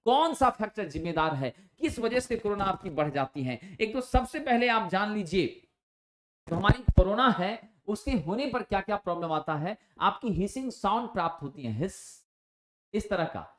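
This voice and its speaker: Energetic male coaching teacher, echoey room. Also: high voice, moderate pace. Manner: energetic, rhetorical questions, calls students friends. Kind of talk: exam-prep lecture.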